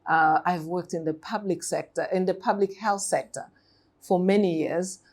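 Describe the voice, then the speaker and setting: On a podcast interview, a nonprofit chief executive from Tanzania, a woman in her forties, considers her answers with frequent ums and restarts. She speaks at normal speed in a fairly low, darkish voice.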